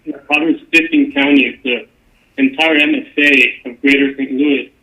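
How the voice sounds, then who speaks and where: A man from Honduras introducing himself at a council meeting, earnest and a little hurried with fillers. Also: mid-range voice, steady tone, bright, forceful tone. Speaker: economic development director. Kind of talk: formal self-introduction. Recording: tinny phone-like sound.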